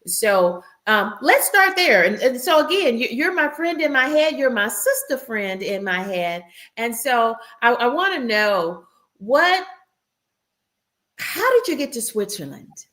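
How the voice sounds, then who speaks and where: A woman's voice: mid-range voice, a bit bright. A woman hosts a casual interview over a video call, with a voice in a middle range. She chats easily and turns to speak straight to her subscribers. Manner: chatty, addresses her subscribers directly. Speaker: host.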